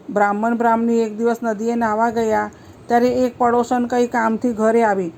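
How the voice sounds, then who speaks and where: A woman storyteller narrating a devotional folk tale in a steady, reverent manner. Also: fairly high pitch, slight background noise.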